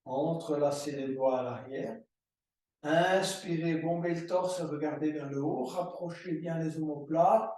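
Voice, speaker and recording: A man teaching a yoga class, giving slow, calm breathing and movement cues. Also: on the high side, recorded from a distance. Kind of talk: guided yoga class instruction. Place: room recorded as an online class. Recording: roomy echo, voice from afar.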